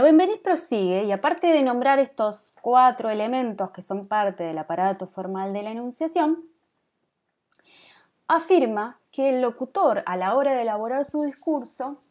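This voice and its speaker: A woman's voice: on the high side, warm tone. A woman in her thirties with a Rioplatense Spanish accent, lecturing a design class and checking in with students with a frequent "¿sí?". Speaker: teacher.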